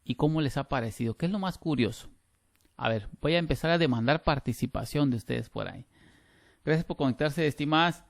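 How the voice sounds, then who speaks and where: A middle-aged man, teaching a grammar class over a video call, lively and emphatic with frequent restarts. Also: fairly high pitch, brisk, vocal fry, no room sound, clean studio sound. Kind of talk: online class lecture.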